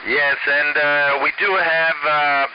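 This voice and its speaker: A man speaks over a walkie-talkie-style ham radio link, his voice dulled and narrowed by the transmission. Heavy hiss and static sit under every word. He answers in a halting way, full of fillers, and closes each turn with "over.". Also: fairly high pitch, level tone.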